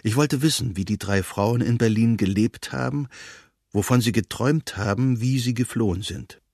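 A man calmly reading an excerpt from his family memoir. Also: medium pitch, normal speed, no echo, studio quality.

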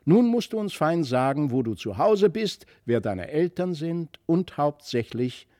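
A curious little girl from a fairy tale, as a man reads her. She pleads in a high, slightly tearful voice. The tone is mellow and the recording close and dry. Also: very animated, measured pace, dry recording. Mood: pleading. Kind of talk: audiobook fairy-tale reading.

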